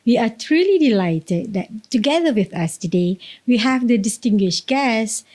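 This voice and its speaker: A woman's voice: fairly high pitch, expressive, normal speed, darkish tone. A woman hosting a university podcast interview, asking rhetorical questions in a polite, formal way. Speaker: podcast host.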